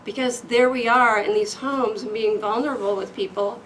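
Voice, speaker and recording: A woman's voice: fairly high pitch, fairly even intonation, normal speed, fairly bright tone. A woman running a business speaks upbeat and enthusiastic in an interview. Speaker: interview guest, business owner. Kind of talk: conversational interview. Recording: distant mic with faint noise.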